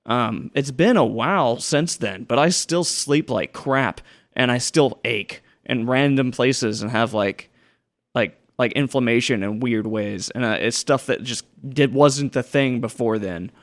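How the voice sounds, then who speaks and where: A man's voice: medium pitch, unhurried. A young man co-hosting a casual lunch-break podcast, talking in a rambling way with many restarts. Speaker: podcast co-host. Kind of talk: casual chat.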